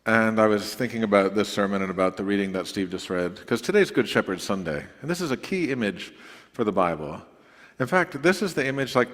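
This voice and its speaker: A man preaching a sermon as pastor in a relaxed, conversational way, drifting into playful asides. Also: fairly low pitch. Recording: long hall reverb.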